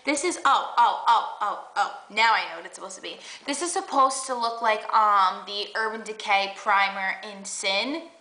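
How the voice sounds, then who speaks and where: A woman's voice: mid-range voice, normal speed, few pauses, pushed and bright, echoey room, rough recording. A young woman chatting casually as a beauty vlogger, gushing about her makeup with lots of fillers and restarts. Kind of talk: casual makeup haul chat.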